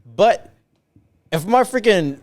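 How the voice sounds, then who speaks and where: High-voiced young man, defensive banter. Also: animated, slow pace, darkish tone. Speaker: podcast co-host. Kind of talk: casual chat.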